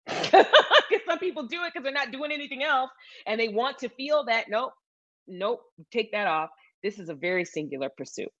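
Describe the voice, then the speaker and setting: In a dull, roomless recording, a middle-aged woman from Michigan speaks at a normal pace in a slightly high, expressive voice. She founded a salon and is offering advice in a conversational interview, stressing her points emphatically and repeating key phrases.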